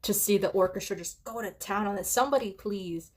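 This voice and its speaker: A woman musician giving casual reaction commentary on an album, excitable and analytical, now and then humming or singing along. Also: mid-range voice, brisk. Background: the reviewed song playing loudly.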